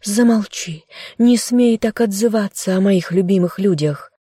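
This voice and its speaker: A woman's voice: mid-range voice, unhurried, husky, dry recording, clean studio sound, pitched above the performer's own voice. A woman voicing a fiery young captive maiden who defies her captor with raised, angry words. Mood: defiant. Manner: defiant, shouting.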